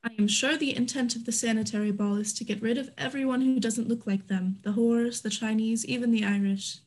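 In a scripted stage play read over a group video call from home, this woman plays a candid, proud businesswoman in an Old West town, sounding guarded and proud. Her fairly high voice is steady, a little fast and slightly mellow, lightly acted, and the recording is low quality.

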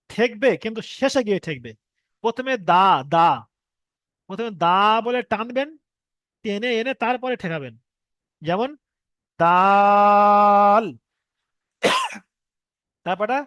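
A man's voice: high voice, dry recording. A man teaching how to read Arabic letters, patiently repeating each point, drawing out example sounds and asking if students follow. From Bengal. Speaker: Quran reading teacher. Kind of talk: online Arabic letters lesson.

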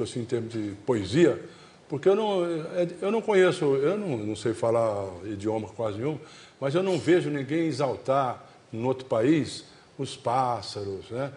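A man in his seventies with a Brazilian Portuguese accent hosts a television show on a studio stage before an audience, wearing a lapel mic. His mid-range, mellow voice is animated at a normal speed. The chat is casual and folksy, rambling and repetitive, full of diminutives.

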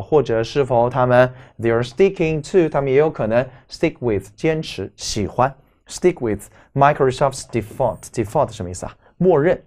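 A man's voice: on the low side, a little mellow. A man lecturing as an English teacher, explaining vocabulary with emphatic repetition and rhetorical questions. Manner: emphatic, repeats key words, rhetorical questions.

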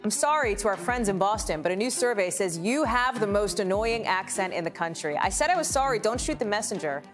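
A woman anchors a live news broadcast with brisk, friendly delivery. She moves between stories in a chatty way, with a mid-range voice. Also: mid-range voice, expressive, music in the background.

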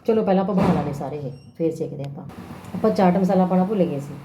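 A woman with a fairly low voice talks through her day in a casual home vlog. She is chatty and keeps turning to her viewers for agreement. The handheld recording carries plenty of noise behind her. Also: racing. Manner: chatty, addresses viewers with frequent tag questions. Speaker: home vlogger and mother. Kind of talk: casual daily-routine vlog chat. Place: around the house, partly outdoors.

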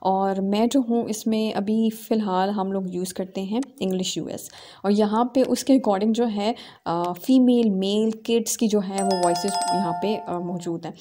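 A woman hosting a screen-recorded software tutorial, explaining each step with small fillers. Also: medium pitch, fairly even intonation, unhurried. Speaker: tutorial host.

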